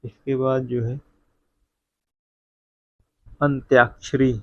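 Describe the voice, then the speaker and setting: A man teaching a Hindi spelling lesson, dictating each word slowly and repeating it, calling his viewers friend. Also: medium pitch, little pitch movement, fairly bright tone, no room sound. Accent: North Indian Hindi. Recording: dull, lo-fi sound.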